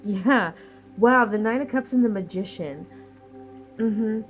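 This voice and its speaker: A woman with a mid-range voice gives a collective tarot reading while sick, sounding nasal and sniffly. She takes it slowly over faint background music, talking in a thoughtful, meandering way full of fillers.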